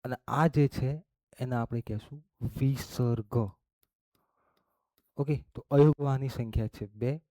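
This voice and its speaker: A dry recording of a man with a dark, mid-range voice running a class. Slowly and step by step he works through the material, tacking on a frequent "okay?" or "barabar?" after each point.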